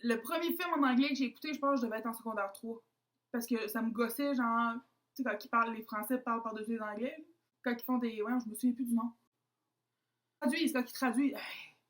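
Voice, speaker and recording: A woman's voice: a little high, fast talker. A young woman with a Québécois French accent, chatting casually to camera as a vlogger, self-mocking and dropping in English words.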